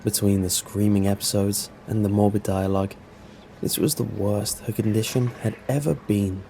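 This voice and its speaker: A man narrating a scripted first-person story in a measured, serious way. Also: on the low side, steady tone, creaky, dark tone, slight background noise, low-quality recording.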